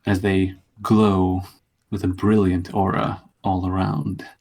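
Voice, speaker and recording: A man narrating a tabletop role-play game as game master, telling the story deliberately with dramatic, halting pauses. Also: low-pitched, level tone, a little mellow.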